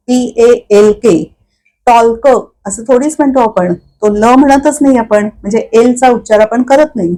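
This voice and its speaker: A woman teaching English pronunciation, explaining each word slowly and patiently with many repetitions. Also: on the high side, warm tone, rough recording. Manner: slow, patient explaining with repeated words. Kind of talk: Marathi-medium English pronunciation lesson.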